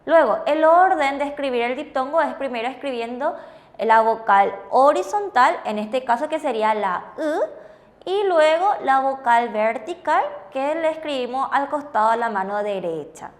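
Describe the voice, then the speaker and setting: High-voiced woman teaching with patient questions. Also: expressive, normal speed. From Paraguay. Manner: patient, repeats and confirms answers. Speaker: language teacher co-hosting. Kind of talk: classroom explanation with questions.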